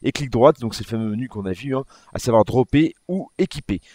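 A man's voice: mid-range voice, expressive, brisk, a little mellow, a little hiss or hum. A man hosting his gaming channel, talking casually through a game update and often correcting himself as he clicks through menus. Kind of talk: casual gameplay walkthrough commentary.

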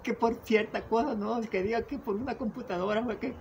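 A man's voice: sits high, steady tone, a little fast, vocal fry, darkish tone, a little hiss or hum, rough recording. A Honduran man, a father speaking emotionally in a conversation, pleading and repeating himself. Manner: pleading, repetitive, keeps addressing the listener by name. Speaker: interviewee, father.

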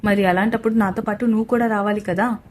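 A man's voice: high-pitched, steady tone, quick pace, a little hiss or hum, close to an everyday voice. A woman voicing a young male tutor who is also a teasing husband, with a dry manner.

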